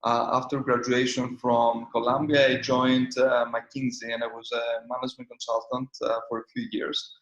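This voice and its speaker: A man's voice: medium pitch, little pitch movement, moderate pace, hardly any pauses, fairly bright tone, echoey room, highs cut off. A man in his thirties from Greece with a Greek accent, a company founder answering interview questions with many hesitant fillers. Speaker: startup founder and CEO. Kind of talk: conference interview.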